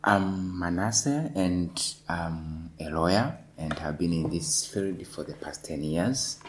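Slow, low-voiced Tanzanian lawyer. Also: male voice, slight background noise, rough recording. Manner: measured, repeats words while thinking. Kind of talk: panel discussion.

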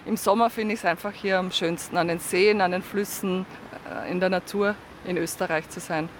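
A woman's voice: fairly low pitch, fairly even intonation, moderate pace, a little hiss or hum. A woman walking on a riverside promenade, answering a street interview in a chatty, thoughtful way. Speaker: passer-by.

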